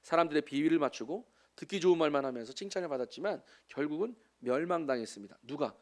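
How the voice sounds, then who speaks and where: A man's voice: on the high side, animated, fast. A man in his forties with a Jeolla Korean accent, a missionary preaching a sermon with chatty, joking asides to the congregation. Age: 40s.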